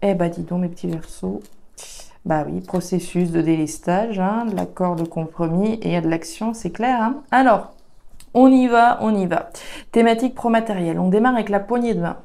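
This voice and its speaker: Mellow-voiced woman giving a card reading. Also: lowish voice, normal speed, creaky. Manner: chatty, filler-heavy, addresses viewers directly. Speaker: tarot and oracle card reader. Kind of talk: casual astrology card reading.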